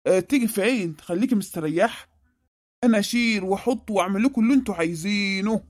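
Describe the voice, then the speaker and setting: A man's voice: high voice, quick pace, dry recording, clean studio sound. A man voicing a greedy, scheming husband with an Egyptian accent in a comic cartoon, blustering and boastful. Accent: Egyptian Arabic.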